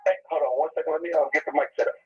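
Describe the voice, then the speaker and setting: Hyped radio host on a speakerphone. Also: male voice, fairly high pitch, fairly even intonation, rapid-fire, husky. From American South. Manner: hyped, talkative, says "man" often. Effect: heard through a phone on speakerphone. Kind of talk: upbeat radio DJ patter. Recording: tinny speakerphone line.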